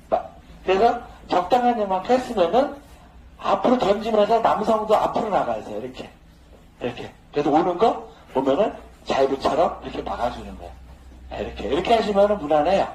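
Joking and laughing frequently, a male instructor leads a casual social dance lesson in a high voice with a darkish tone. Faint noise sits in an echoey room.

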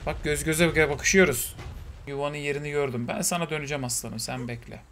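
Excitable high-voiced streamer. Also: male voice, a little fast, a little hiss or hum. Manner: excitable, swearing, yelling at game creatures. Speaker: gaming streamer. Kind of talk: let's play commentary.

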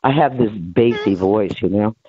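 A New York City woman in her seventies rambles through her life story as an interview guest, her very deep voice moving at a moderate pace through fillers and restarts. She's on a video call headset in her home office, with crowd noise behind her and a tinny, dry, phone-like sound.

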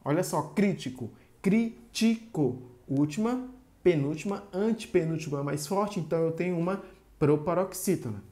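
A woman with a Brazilian Portuguese accent teaching a short, didactic online grammar lesson and slowly drawing out the syllables of example words. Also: low-pitched, mellow.

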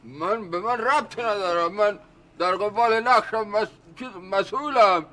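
A high, bright male voice of a pig-headed caretaker in a sitcom. He argues his point stubbornly and won't back down. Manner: stubborn, insistent. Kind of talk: sitcom acting.

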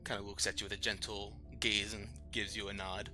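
A man's voice: lowish voice, level tone, brisk, over music. A man working as game master, narrating a tabletop fantasy game in descriptive prose.

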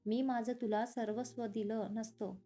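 A woman's voice: a little high, little pitch movement, measured pace, mellow, faint music behind. A woman voicing a playful, emotional young wife in a read-aloud story. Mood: pleading. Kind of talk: storybook reading.

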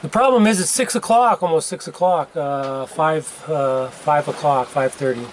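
A man in his fifties vlogging alone from his sailboat at sea, talking in a relaxed, rambling way and often correcting himself. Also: on the high side, normal speed. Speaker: solo sailor vlogging. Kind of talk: casual video diary. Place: outdoors on a sailboat cockpit at sea. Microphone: handheld camera at arm's length. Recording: windy outdoor camera audio with sea noise. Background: wind and water noise.

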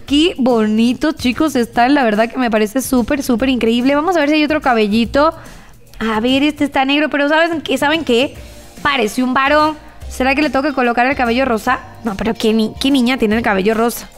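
A woman's voice: sits high, brisk, soft background music. A young woman giving bubbly, gushing commentary on a mobile game, using many diminutives and talking straight to her viewers. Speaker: gaming YouTuber.

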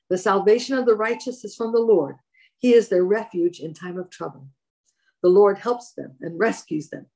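Older woman, home devotional reading and reflection, webcam sound, steady then conversational. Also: lowish voice, vocal fry. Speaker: church devotional speaker. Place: home room indoors. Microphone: webcam at desk distance.

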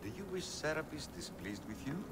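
A solemn male priest speaks in formal, measured tones. He sounds stern and ceremonious, and the voice sits low and quiet under the stream as game dialogue. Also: sing-song.

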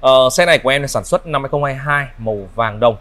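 Northern Vietnamese salesman, smooth polite patter. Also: medium pitch, quick pace, a bit bright. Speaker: used car salesman presenting stock. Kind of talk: unscripted sales walkaround presentation. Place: large indoor car showroom. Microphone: clip-on lapel mic.

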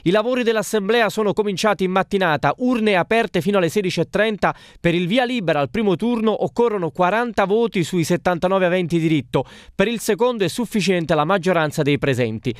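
A man's voice: high voice, animated, brisk, hardly any pauses, clean tone, no room sound, clean studio sound. A man reading a scripted television news report as a voice-over.

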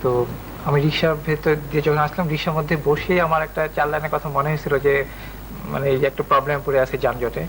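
Man, Bangladeshi accent, raised pitch, TV interview guest, explanatory, faint tape noise. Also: flat delivery, fast talker, a bit bright. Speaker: rhyme poet, interview guest. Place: television studio. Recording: noisy old TV studio tape.

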